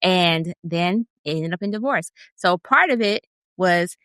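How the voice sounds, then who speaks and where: A woman's voice: lowish voice, animated, unhurried, fairly bright tone, no room sound. Blunt, sarcastic woman on a dry mic. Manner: blunt, sarcastic, profane storytelling with mocking quoted voices. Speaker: podcast co-host. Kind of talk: casual podcast chat.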